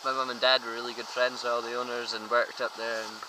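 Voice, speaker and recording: A man's voice: medium pitch, little pitch movement, fast, noisy background. A Scottish man in his twenties chatting in an easygoing, rambling, friendly way. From Scotland. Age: 20s. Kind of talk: casual chat.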